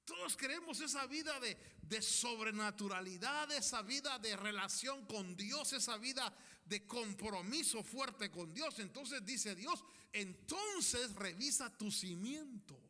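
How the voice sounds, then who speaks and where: A man's voice: very high voice, lively intonation, a little slow, pushed and bright, long reverb tail. A man preaching a sermon, emphatic, calling his congregation to repeat declarations after him and acting out quoted people.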